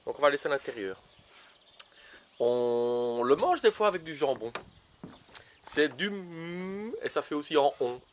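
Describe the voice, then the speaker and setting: A man talks in his outdoor garden as he plants seedlings. His slightly high voice swoops up and down with playful energy as he teases young viewers to guess each vegetable. Faint birdsong and clicks sit under the outdoor mic. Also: animated, measured pace, long pauses, a little hiss or hum. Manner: playful, teasing guessing games, many fillers. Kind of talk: casual gardening show for children.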